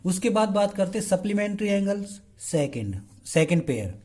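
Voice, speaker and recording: Man, math teacher, mellow warm voice, asks and answers his own questions, keeps checking in with the class. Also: high-pitched, very animated, moderate pace. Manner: mixes Hindi with English terms, asks the class rhetorical questions and answers them; keeps checking in with the class by saying "okay" again and again. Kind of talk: explaining a lesson.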